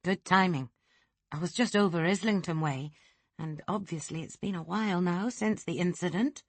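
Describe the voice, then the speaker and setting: Woman putting on a gentle Scottish nurse. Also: fairly low pitch, no room sound, natural voice. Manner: gentle, pleasant, brisk. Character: gentle middle-aged Scottish forensic nurse.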